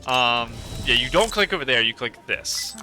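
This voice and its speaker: Give me a chatty man commenting on a game he's playing, lively pitch and bright tone. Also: normal speed, faint music behind. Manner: rambling, opinionated, chatty. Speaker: let's play host. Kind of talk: casual gameplay commentary.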